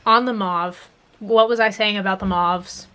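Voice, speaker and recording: A woman's voice: mid-range voice, steady tone, a little slow, bright, forceful tone, clear, resonant tone. A young adult woman vlogger chatting casually to viewers, musing aloud and trailing off, her speech slightly hampered by a swollen mouth after dental work. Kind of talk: casual rambling chat to viewers.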